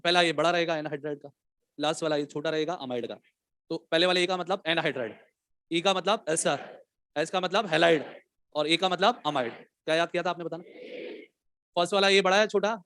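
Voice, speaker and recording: A man lectures a chemistry class in a crisp, resonant voice. He pitches it high and keeps firing questions at the students. The sound is dry and close. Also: no room sound. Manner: lively, calls out questions to students and dictates slowly. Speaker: chemistry teacher.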